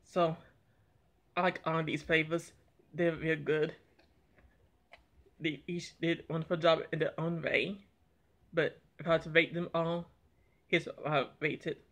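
A young man reviews eggnog in a casual taste-test vlog shot in a small room, with the camera on the table in front of him serving as the microphone. His voice is on the high side and fairly bright, with a flat delivery. He talks plainly and unhurriedly, a little haltingly.

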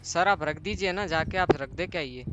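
A man's voice: a little high, moderate pace, very noisy. A man livestreaming a game, bantering loosely and playing a car dealer in roleplay. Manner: loose, joking, slangy banter. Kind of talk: casual livestream chat and roleplay.

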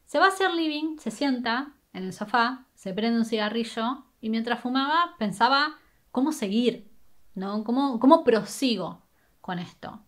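A woman's voice: on the high side, expressive, fairly bright tone. A young woman with an Argentine Spanish accent tells a true crime story in a casual, conversational way while doing her makeup, dropping "eh" and "¿no?" along the way. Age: young adult. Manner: conversational, brisk, with filler "eh" and "¿no?". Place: small bedroom indoors. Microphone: webcam or camera at desk distance.

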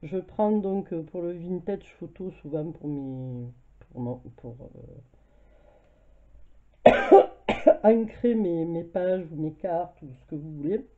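A woman's voice: lowish voice, lively intonation, slow pace, pauses often. A French woman with a cold, casually showing her craft purchases and filling her talk with hesitations. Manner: chatty, hesitant, many fillers. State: has a cold, coughing. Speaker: craft vlogger. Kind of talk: casual haul video. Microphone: camera mic at home. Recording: tinny phone-like sound.

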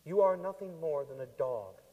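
A man's voice: a little high, animated, moderate pace, dull audio. A pastor voicing a stern man refusing a plea. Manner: stern, firm. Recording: long church hall reverb.

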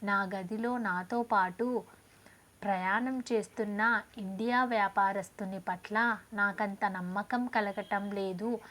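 A woman reading the lines of a suspicious, polite foreign merchant in a storybook tale, making a slow, formal request. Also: sits high, fairly even intonation, sharp tone, exaggerated voice.

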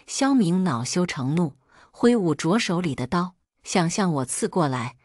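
一位女性用第一人称朗读情感故事，讲述富有戏剧感。. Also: female voice, lowish voice, very animated, unhurried, darkish tone, no room sound, clean studio sound. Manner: dramatic storytelling. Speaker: narrator. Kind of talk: first-person audiobook narration.

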